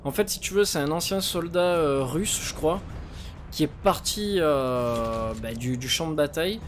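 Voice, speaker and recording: With game music behind him and slight background noise, a streamer gives rambling live commentary on the video game he's playing. His voice is a little high and a little slow, and he uses plenty of fillers and pained exclamations whenever he's hit.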